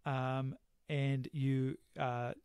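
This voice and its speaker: Man, game master, slow and hesitant, dry home mic sound. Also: medium pitch, little pitch movement, a little mellow, clean tone, no echo. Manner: hesitant, halting with many fillers. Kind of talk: running a tabletop game over a call. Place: home bedroom. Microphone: home remote-call mic.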